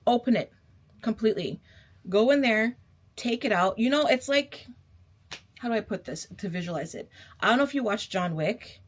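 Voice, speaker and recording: Sassy woman giving an emphatic pep talk. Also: mid-range voice. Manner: sassy, emphatic and repetitive, addressing viewers as babe. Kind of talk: casual motivational pep talk to camera.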